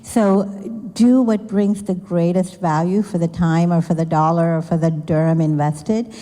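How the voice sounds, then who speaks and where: A woman's voice: fairly low pitch, steady tone, a little slow, warm tone. A woman speaker on a business panel giving candid, joking advice to an audience. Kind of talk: panel talk answering a question. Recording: echoey event hall.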